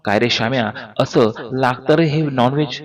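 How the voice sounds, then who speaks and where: A man's voice: mid-range voice, moderate pace, close to an everyday voice. A man voicing a curious, rebellious teenage schoolboy who asks eager questions.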